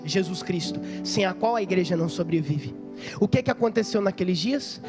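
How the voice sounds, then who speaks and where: A man preaching a sermon, telling a story and asking the audience questions. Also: high voice. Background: music.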